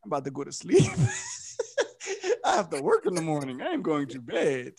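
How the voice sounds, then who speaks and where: A man's voice: a little high, huge pitch swings, normal speed, crowd noise. A man in his thirties, a podcast guest, talking in a casual, profane, laughing way and telling stories. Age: 30s. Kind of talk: casual chat.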